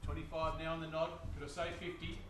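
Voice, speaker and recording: A man's voice: on the high side, level tone, quick pace. An Australian man calling a live property auction as auctioneer, coaxing bidders with chatty patter. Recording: echoey, distant, noisy live recording.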